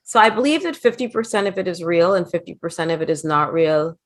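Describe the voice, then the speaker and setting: A middle-aged woman, a former wrestling manager, is a guest in a casual interview, telling chatty anecdotes and slipping into quoted voices. Her voice is lowish and fairly quick.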